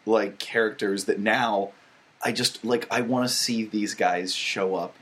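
A man's voice: lowish voice, fairly even intonation, a little slow, fairly bright tone, husky. A man co-hosting a casual chat, talking with enthusiasm and rambling through restarts.

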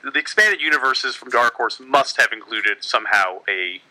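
A man's voice: mid-range voice, expressive, moderate pace, sharp tone, low-quality recording. A man in casual chat who speaks hesitantly and fills his talk with uhs.

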